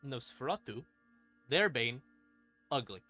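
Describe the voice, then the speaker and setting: Hosting a livestream, a man explains game lore in a loose, informal way, peppering it with swearing and strong emphasis. His voice is bright, forceful and expressive, sitting in a normal middle pitch, and he takes his time. Creepy ambient music runs underneath.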